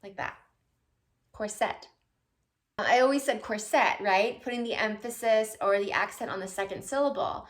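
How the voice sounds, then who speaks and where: A woman's voice: medium pitch, a little fast, hardly any pauses. A woman vlogging casually at home, answering viewer questions in a chatty, playful way with loose tangents and asides. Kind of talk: casual chat.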